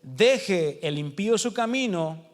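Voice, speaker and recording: A Mexican man preaches a sermon slowly and with lively intonation, his Mexican Spanish–accented voice sitting high for a man. Speaking conversationally in a house of prayer, he poses rhetorical questions to the congregation and acts out quoted passages, amid the hall's long reverb.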